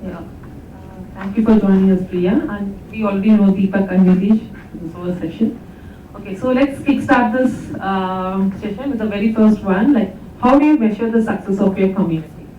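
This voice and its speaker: A woman moderating a panel, briskly thanking a guest and posing the first question. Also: medium pitch, a little hiss or hum. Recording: tinny, far-off, echoey hall sound.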